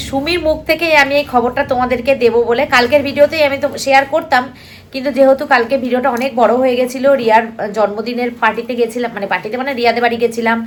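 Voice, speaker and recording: A woman's voice: fairly high pitch, a little hiss or hum. A young woman, vlogging to her viewers in a casual, talkative way, with plenty of fillers. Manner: talkative, addresses viewers directly, many fillers. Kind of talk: casual chatty vlog to viewers.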